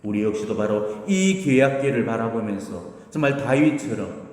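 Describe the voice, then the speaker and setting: A man's voice: medium pitch, lively intonation, normal speed, a little mellow. Man preaching in a reverberant church. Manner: earnest, exhortative, retells stories with acted quotes. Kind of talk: sermon. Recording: echoey church hall.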